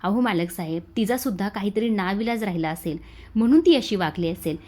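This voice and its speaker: Woman reading a loyal yes-sir helper guy, calm and reassuring. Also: medium pitch, fairly quick, close to an everyday voice. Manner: reassuring and deferential. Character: loyal obedient male assistant.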